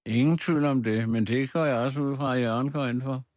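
A man's voice: mid-range voice, a little mellow, dry recording, studio quality. A man who served as a minister, answering tersely and bluntly on a political panel. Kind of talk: panel discussion.

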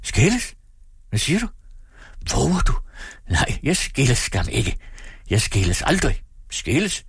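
A man voicing a blustering, greedy man who swings between rage and self-pity, ranting and accusing in a husky voice. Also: huge pitch swings, long pauses, no room sound, studio quality, heavily acted. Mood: furious, bitter. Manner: ranting, accusing, shrill when furious.

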